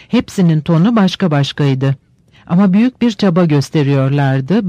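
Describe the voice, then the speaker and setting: Man reading a novel aloud, steady and measured, mellow voice, dry sound. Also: high-pitched, dry recording, dull audio. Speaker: narrator. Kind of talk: scripted audiobook narration.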